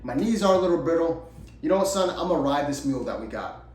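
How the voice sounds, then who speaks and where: A man's voice: on the high side, lively intonation, fast talker, darkish tone, lightly acted. A man doing a weary hiking father. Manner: weary, easygoing. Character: tired middle-aged father hiking. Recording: roomy, distant mic.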